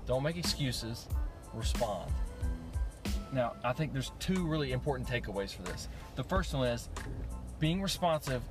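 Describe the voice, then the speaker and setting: A man's voice: medium pitch, expressive, moderate pace. A man hosting a casual solo podcast while commuting, chatty and plain-spoken, recorded through a hands-free device in his car at reduced, lo-fi quality. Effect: lo-fi hands-free device audio. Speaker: podcast host. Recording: distant lo-fi car audio with loud music.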